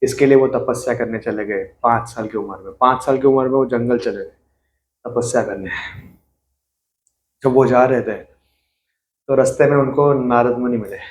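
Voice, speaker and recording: A man's voice: medium pitch, moderate pace, long pauses, slight background noise. Man teaching a scripture class, echoey room. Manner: conversational, mixes English into his talk, quizzes listeners.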